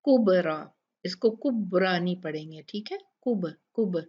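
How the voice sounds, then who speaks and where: A woman's voice: lowish voice, moderate pace, slightly rough, highs cut off. A woman teaching Quran recitation rules, patiently breaking words into syllables and repeating them. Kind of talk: tajweed lesson with slow recitation.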